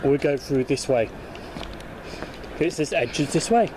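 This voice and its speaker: A man gives casual, halting commentary while filming on the go, thinking aloud. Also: a little high, animated. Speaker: vlogger. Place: outdoors at a station and city street. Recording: loud outdoor traffic and train-station noise.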